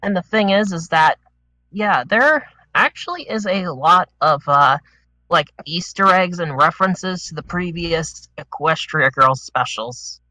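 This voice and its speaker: Panelist, male, bright forward tone, dry close sound, rambling delivery. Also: on the high side, animated, a little slow, dry recording, poor audio. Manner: rambling, restarts with "the thing is". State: a little out of breath. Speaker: podcast panelist. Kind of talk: casual group discussion.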